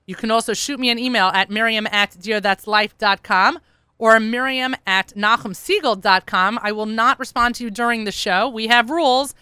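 A woman's voice: a little high, moderate pace, sharp tone, smooth, no echo. A woman hosting her weekly radio show in a studio, chatting in an upbeat, self-deprecating way while sounding worn out after an early start. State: tired. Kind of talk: casual radio chat. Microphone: studio microphone.

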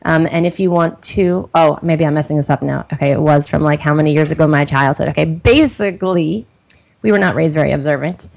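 A woman's voice: low voice, fairly quick, vocal fry, darkish tone. Rambling woman hosting a podcast. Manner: rambling, many fillers and restarts. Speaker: podcast host. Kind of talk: casual interview chat.

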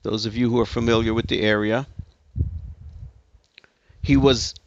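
A man's voice: mid-range voice, steady tone, a little slow, highs cut off. A man giving a lecture to an audience, telling a story emphatically with hesitant restarts. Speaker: speaker giving a talk.

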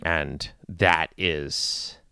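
A man giving informal news and community commentary in a measured, deliberate way with long pauses. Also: rumbling low, fairly even intonation, bright, forceful tone, smooth, no room sound, studio quality. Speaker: commentator addressing his community.

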